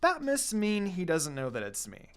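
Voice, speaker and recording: A channel host expressively reads fan fiction in first person, her medium-pitched voice swinging hugely up and down at a moderate pace, clear and resonant. She narrates casually with asides while music plays underneath.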